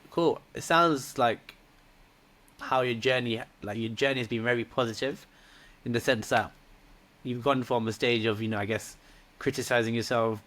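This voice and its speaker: A man hosting a podcast interview, asking thoughtful questions in a measured way with frequent fillers. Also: mid-range voice, a bit bright. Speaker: host, men's coach.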